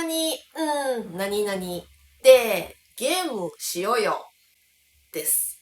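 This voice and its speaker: A woman from the Kansai region of Japan, a language teacher giving an explanatory lesson and slowing down to stress key words. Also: fairly high pitch, a bit bright. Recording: roomy echo.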